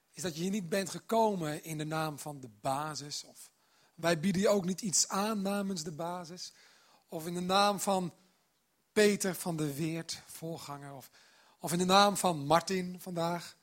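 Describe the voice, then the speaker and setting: Preacher, man, high husky voice, warm storytelling sermon delivered straight to the congregation.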